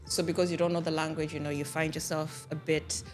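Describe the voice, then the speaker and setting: A young Tanzanian woman hosts a casual podcast interview, speaking fast in a low, level voice. She's chatty and teasing and laughs easily, with faint music playing in the background.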